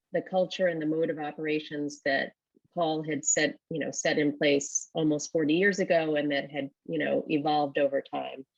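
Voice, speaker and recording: A woman's voice: low-pitched, dry recording, dull audio. A woman leading a company, answering panel questions thoughtfully and often rephrasing as she goes. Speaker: company leader.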